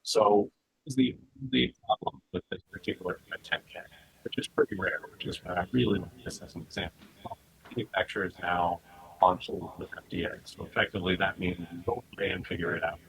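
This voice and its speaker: A man's voice: low-pitched, brisk, gravelly, fairly bright tone, slight background noise, rough recording. A man presenting a regulatory training session over a video call, speaking informally with frequent fillers and restarts; his call audio sometimes sounds robotic. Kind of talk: online presentation.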